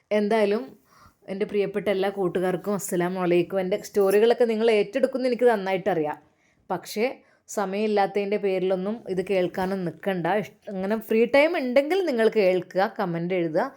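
A woman's voice: mid-range voice, fairly quick, mellow. A woman storyteller narrating a religious tale, then chatting earnestly to her listeners.

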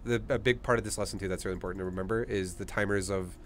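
A man's voice: fairly low pitch, steady tone, rapid-fire, a bit bright. A man in his thirties coaching a gamer in an informal, encouraging way, speaking into a close microphone. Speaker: gaming coach and streamer. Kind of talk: casual coaching talk. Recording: faint background noise.

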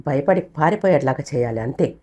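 A woman voicing a bold young man who calmly reassures his frightened friend in a told story. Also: deep voice, a little fast. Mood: firm.

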